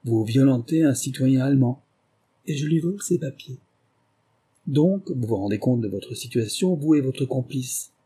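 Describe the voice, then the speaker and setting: A man reading aloud, voicing a furious captured male German spy, speaking slowly and bitterly. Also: animated, mellow, husky. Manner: slow, low, deliberate and bitter.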